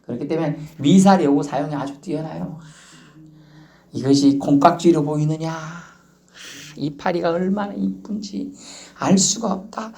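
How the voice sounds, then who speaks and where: A man preaching a sermon as pastor, telling lively folksy stories and acting out bits of dialogue. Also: a little high, normal speed, vocal fry, echoey room. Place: church.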